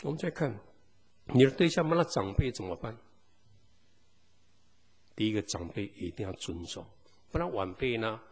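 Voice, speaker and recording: Husky-voiced preacher man in reverberant hall. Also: on the low side, expressive, normal speed, pauses often. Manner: constantly asks the congregation rhetorical questions. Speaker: pastor. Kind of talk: sermon.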